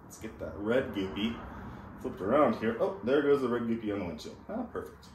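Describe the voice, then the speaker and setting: A man's voice: mid-range voice, lively intonation, fairly quick, a little mellow, echoey room. A man in his thirties talking casually through a hands-on repair tutorial, joking at his own expense. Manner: self-deprecating, joking. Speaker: DIY car restoration host. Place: home garage, indoors. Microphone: camera a few feet away. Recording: noisy garage ambience.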